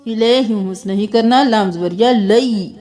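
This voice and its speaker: A woman teaching Quran recitation word by word, drawing each word out slowly and melodically, then explaining the pronunciation rules. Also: fairly high pitch, darkish tone. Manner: slow drawn-out melodic recitation between brisk spoken explanations. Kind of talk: word-by-word tajweed lesson.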